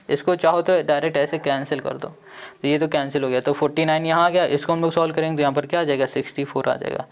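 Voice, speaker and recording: A man teaching a maths lesson online, working through each step aloud and asking his students questions as he goes. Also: fairly high pitch. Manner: talks through steps, asks students questions.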